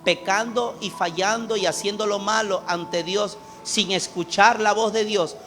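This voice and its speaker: A man preaching a sermon as pastor in a church, impassioned, swinging from loud calls to hushed appeals. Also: high voice, fairly even intonation, unhurried, music in the background.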